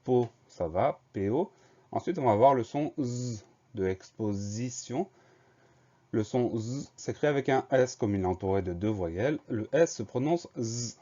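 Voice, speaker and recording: A man's voice: medium pitch, expressive, unhurried, mellow. A man teaching a spelling lesson, patiently explaining rules and spelling words letter by letter. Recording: dull lo-fi sound.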